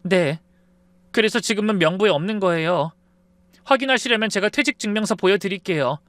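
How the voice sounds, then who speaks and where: Man doing a young woman, polite, evasive, soft apologetic tone, higher voice, dry close sound. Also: very animated, moderate pace, dry recording. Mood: earnest.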